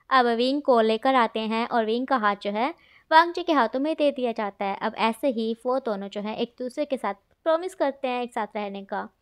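A woman narrating a fanfiction story in a chatty, animated way as channel host. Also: on the high side, clean tone.

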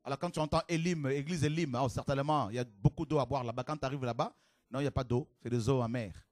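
A man preaching a fiery sermon to a congregation, with shouted exclamations and rhetorical questions. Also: mid-range voice, fast, no room sound, clean studio sound.

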